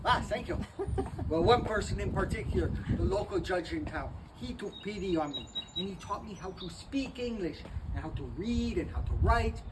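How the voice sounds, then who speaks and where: At a moderate pace and with an expressive voice, a man plays a towering young Portuguese-born soldier who is cheerful and boastful. His theatrical, playful storytelling swings from booming to hushed, recorded in a historic park on a distant mic with outdoor ambient noise.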